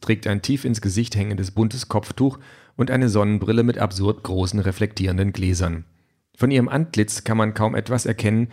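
A man's voice: on the low side, darkish tone. A man reading an audiobook chapter aloud in a dry, wry storytelling manner. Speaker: audiobook narrator. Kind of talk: scripted narration.

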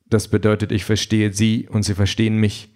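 A composed, literal android politician, read by a man in an audiobook. The voice sits low and speaks in flat, even statements. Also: moderate pace, natural voice. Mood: calm. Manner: flat, matter-of-fact delivery.

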